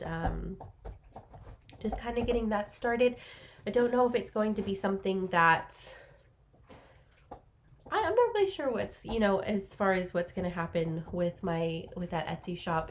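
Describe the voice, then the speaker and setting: Recorded on a laptop's built-in mic with a little hiss or hum, a young woman chats to camera for her craft podcast from a small home office. Her medium-pitched voice is slightly stuffy from allergies, and she wanders along with many ums.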